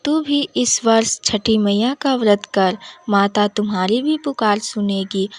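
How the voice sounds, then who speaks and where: A devout elderly mother-in-law from a told folk tale, earnest and pleading in her faith, voiced by a woman narrator. She speaks slowly and evenly, at a middle pitch. This is an everyday voice with little acting. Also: no echo, natural voice. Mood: coaxing.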